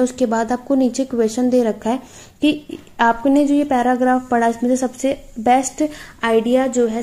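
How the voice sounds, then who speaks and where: A young woman teaching an exam-prep lesson. She explains patiently, checks in often with her students, and reads English passages slowly before explaining them. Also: fairly high pitch, dark tone.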